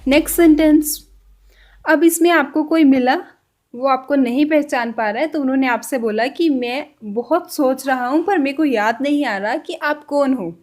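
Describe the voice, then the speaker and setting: A woman teaching a language lesson, saying example sentences slowly and repeating them with care. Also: high voice, a little mellow.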